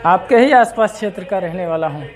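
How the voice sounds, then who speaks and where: A man teaching an exam-prep grammar lesson, lively and repeating questions to his students. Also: high voice, a little fast, music in the background. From India.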